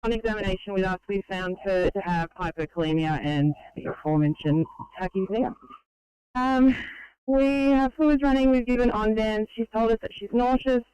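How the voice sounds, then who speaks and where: A woman paramedic giving a measured, methodical clinical handover over emergency two-way radio. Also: medium pitch, warm tone, clear, resonant tone, no echo, dull audio.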